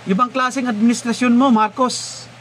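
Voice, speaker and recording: A man's voice: very high voice, fairly even intonation, normal speed, fairly bright tone, slight background noise. A Filipino man giving political commentary with mocking, exasperated questions.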